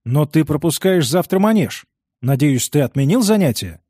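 A man's voice: fairly high pitch, expressive, moderate pace, warm tone, no room sound. A man reading the part of a strict middle-aged uncle who speaks curtly and dryly. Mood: grudging. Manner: curt, dry, reluctant.

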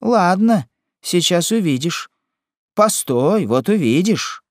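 A man doing a shrill, indignant old woman. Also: lively intonation, takes it slowly, dry recording, clean studio sound. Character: agitated older woman, a false witness.

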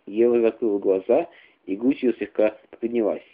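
A man reading a literary story aloud in a measured, expressive way. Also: lowish voice. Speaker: reader. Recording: tinny phone-like radio recording.

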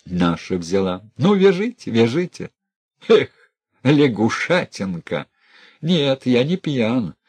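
A man reading a story aloud and voicing a furious middle-aged man who yells and mocks with contempt. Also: mid-range voice, slightly rough, voice pushed up. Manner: yelling, mocking, contemptuous.

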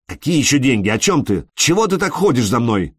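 A man's voice: mid-range voice, sing-song, brisk, husky, no echo. Brief: male reader voicing a fed-up man barking short retorts, dry close sound. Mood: irritated. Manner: irritable, snapping.

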